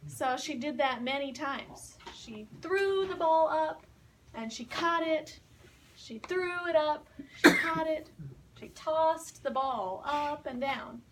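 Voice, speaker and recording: Brief: patient woman teacher, high voice, very slow pace, mic set back with a faint hiss. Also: lively intonation, far from the mic. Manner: patient, repeats and explains words. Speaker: English teacher telling a story. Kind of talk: slow story retelling with word explanations.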